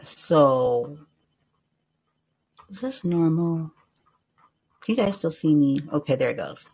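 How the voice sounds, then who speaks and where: A man's voice: on the high side, expressive, takes it slowly, darkish tone, breathy edge, rough recording. A young man hosting a live call-in podcast, talking loosely and rambling, with a lot of filler words and some swearing. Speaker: host.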